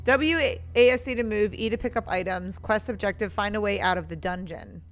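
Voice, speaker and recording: A woman's voice: medium pitch, brisk. A young woman giving casual let's-play commentary, sometimes reading game text aloud as she plays. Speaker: game streamer. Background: faint game music.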